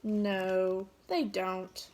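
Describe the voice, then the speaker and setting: A woman teacher reading a picture book aloud and asking the children questions in a warm, child-directed way. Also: medium pitch, steady tone, drawn-out words.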